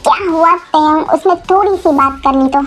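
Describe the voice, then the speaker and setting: A woman's voice: high voice, moderate pace, soft background music, lightly acted. A woman voicing a firm young sister-in-law who scolds a younger man, in a voiced fan-fiction audio story. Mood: scolding.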